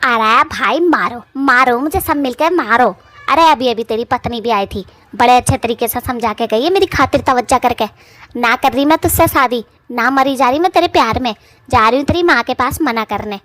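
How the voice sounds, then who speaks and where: A woman's voice: a little high, normal speed, a bit bright, dry recording, natural voice. A woman voicing a boastful, quarrelsome bald female witch in a cartoon story, with a mouthy, taunting village way of talking. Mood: fed-up ranting. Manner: mouthy village taunting speech, whiny when scared. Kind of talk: cartoon voice acting.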